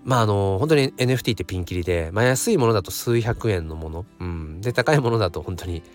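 A man with a hoarse voice hosts a casual solo audio channel, thinking aloud in a hesitant way. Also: on the low side, lively intonation, fast, soft background music. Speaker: host of a daily audio channel.

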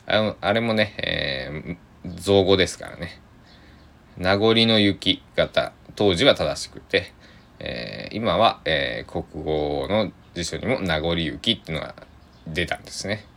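A man hosts a solo podcast in a loose, rambling way, full of hesitations, with a touch of Tosa dialect. His voice sits very low and carries a gravelly rasp. His pitch swings widely as he chats. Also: expressive, a little slow, fairly bright tone. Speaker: podcast host.

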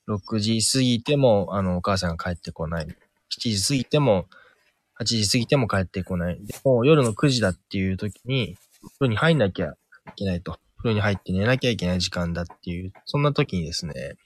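A man telling an invented ghost story on a podcast, slow and suspenseful, with dramatic pauses and many fillers. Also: lowish voice, expressive. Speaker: podcast co-host.

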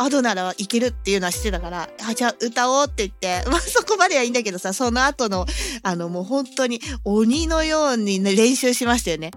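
A woman hosting a casual solo audio talk, chatty and laughing often as she tells a story. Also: a little high. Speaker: podcast host and hobby musician.

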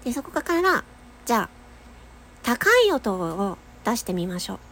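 A woman's voice: medium pitch, sing-song, normal speed, a bit bright, slight background noise. A young adult woman with a nasal voice, giving a casual voice lesson while chatting, laughing often and demonstrating long sustained tones. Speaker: voice-training podcaster.

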